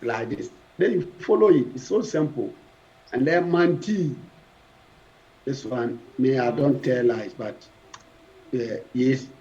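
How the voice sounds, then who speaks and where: A man's voice: mid-range voice, warm tone. A man teaching a French verb lesson to a class, drilling conjugations and quizzing students. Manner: slow, repetitive drilling with questions to the class. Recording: dull lo-fi classroom recording.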